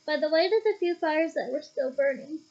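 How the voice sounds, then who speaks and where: Woman reader, high voice, chatty asides, lo-fi home recording. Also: lively intonation, brisk. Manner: casual, stops to comment and laugh. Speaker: audiobook reader. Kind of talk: reading a novel aloud with asides.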